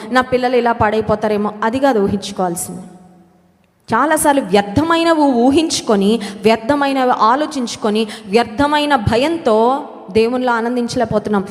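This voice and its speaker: A woman preaching a sermon who repeats key words for emphasis, puts questions to her listeners and slips English phrases into her talk. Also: on the high side. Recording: long hall reverb.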